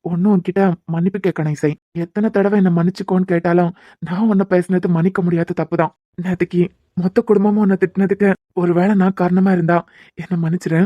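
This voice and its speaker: A woman's voice: fairly low pitch, fairly even intonation, fast talker, no room sound, dull audio, natural voice. A woman with a Kanyakumari Tamil accent voicing an earnest, apologetic young man in a cartoon serial. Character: earnest young man pleading with his love.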